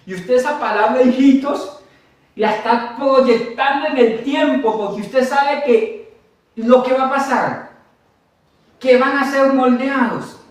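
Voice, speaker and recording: A man preaching a sermon as pastor, animated, with humorous asides to his congregation. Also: extremely high pitch, takes it slowly. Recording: echoey hall, mic at a distance.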